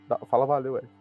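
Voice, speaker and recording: A man's voice: medium pitch, phone-quality sound. Easygoing man steering the show. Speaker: co-host of a film review show. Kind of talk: casual chat.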